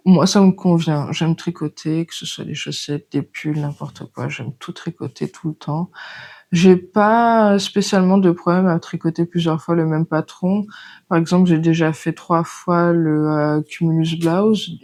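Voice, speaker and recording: A woman's voice: fairly low pitch, mellow. A woman hosting a knitting podcast, chatting casually and hesitantly with many fillers. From France. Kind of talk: casual chat.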